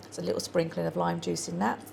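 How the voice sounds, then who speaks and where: Chatty woman with a gravelly voice. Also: on the low side, little pitch movement, fast talker, very noisy. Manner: chatty, rambling, self-deprecating, many ums. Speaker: cooking show host. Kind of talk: casual cooking demonstration.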